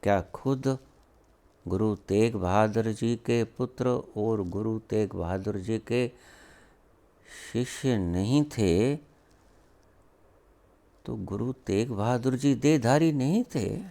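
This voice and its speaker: A man giving a spiritual discourse, asking rhetorical questions and scolding in an emphatic, deliberate way. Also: lowish voice, gravelly, warm tone. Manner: slow with long pauses. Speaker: spiritual teacher.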